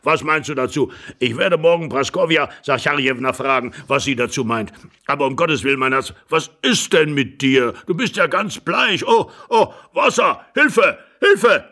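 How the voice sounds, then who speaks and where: A man voicing a fussy, excitable old husband who blusters hoarsely and shouts in agitation. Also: medium pitch, normal speed. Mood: flustered alarm.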